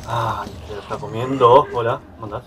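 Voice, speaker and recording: A man's voice: mid-range voice, steady tone, a little fast, fairly bright tone. A man with a Rioplatense Spanish accent giving casual let's-play commentary, chatty and easily startled, yelping and laughing at scares. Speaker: gaming YouTuber.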